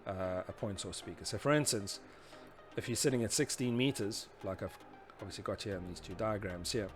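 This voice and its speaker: A brisk, lowish male voice leads an informal tutorial-series lesson through slides and diagrams, with faint music underneath. He explains step by step, conversational and somewhat hesitant, often saying "you know."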